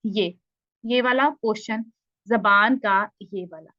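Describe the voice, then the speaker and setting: A woman's voice: mid-range voice, slow, no echo, dull audio. A woman teaching Tajweed in an online lesson, patiently repeating points and asking checking questions.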